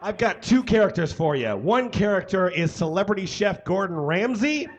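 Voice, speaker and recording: A man doing a comedic live reading on stage into a microphone, theatrical with loud bursts of emphasis. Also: sits high, big pitch swings, moderate pace, dull audio, noisy background. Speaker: live show performer. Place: stage before a live audience.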